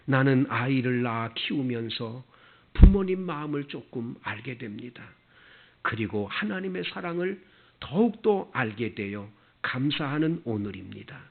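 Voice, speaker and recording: A male pastor preaching a sermon with strong emotion, moving from soft, hushed lines to high, fervent cries. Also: big pitch swings, unhurried, creaky. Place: church sanctuary. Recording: tinny phone-like church recording.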